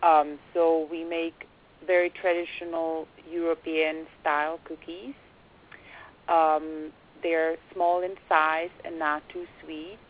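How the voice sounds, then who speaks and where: A young woman from the Czech Republic with a Czech accent, a quiet, soft-spoken guest on a radio interview who hesitates often with fillers. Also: low-pitched, little pitch movement, slow. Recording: phone-like band, faint hiss.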